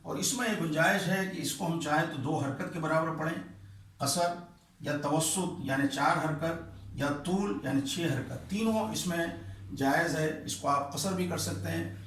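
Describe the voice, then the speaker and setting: A male teacher explaining the rules of Quran recitation. He talks patiently, repeats key terms slowly, and stretches vowels when demonstrating examples. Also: on the high side, a bit bright, very echoey, distant mic.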